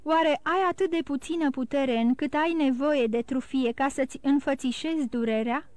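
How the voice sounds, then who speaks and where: A woman reading an audiobook, voicing a grave, wise older count who speaks slowly and solemnly. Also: high-pitched, darkish tone, no room sound, lightly acted. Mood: solemn counsel. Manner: slow, solemn, counseling.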